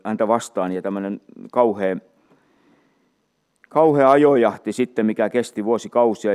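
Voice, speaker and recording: Guy with a lowish voice doing a bible talk, slow and rambling, reads a psalm out. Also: darkish tone, clear, resonant tone. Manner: unhurried, many fillers and restarts, reads scripture aloud. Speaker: preacher. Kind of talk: Bible teaching.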